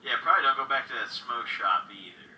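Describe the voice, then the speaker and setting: A man hosts a casual call-in stream, laid-back and cursing freely between big laughs. His voice is bright and a touch high, and it rises and falls a lot. He sits back from the mic in an echoey room with faint noise behind him. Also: lively intonation, fast, recorded from a distance. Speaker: livestream call-in host.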